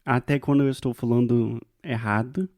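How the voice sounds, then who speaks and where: An American man, a native English speaker, co-hosts a podcast in casual conversation, sounding earnest and reflective as he thinks aloud. His medium-pitched voice is steady and a little mellow at a normal speed, recorded in studio quality with no room sound.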